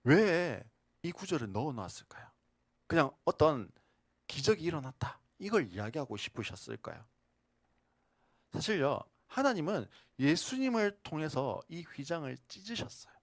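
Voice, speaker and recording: A male pastor preaching a sermon, asking the congregation questions and shifting between loud emphasis and soft whispers. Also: fairly high pitch, moderate pace, dry recording. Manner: animated, swings from loud to whispered.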